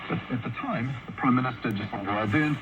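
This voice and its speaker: A man's voice: medium pitch, quick pace, lo-fi sound, noisy background. A man with a New Zealand accent presenting scripted radio commentary, with whistling shortwave interference.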